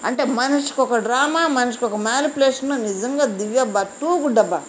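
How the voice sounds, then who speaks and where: Woman reviewer, high voice, indignant, rhetorical; crickets faint behind. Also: fast talker, a little hiss or hum, low-quality recording. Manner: indignant, fires off rhetorical questions. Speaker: reality show reviewer. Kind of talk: opinionated show review.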